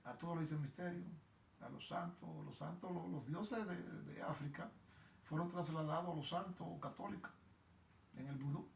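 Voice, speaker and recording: A man's voice: a little high, normal speed, gravelly, echoey room, recorded from a distance, slight background noise. A man with a Dominican accent hosting a live online show in a casual, rambling monologue, often repeating himself and restarting sentences.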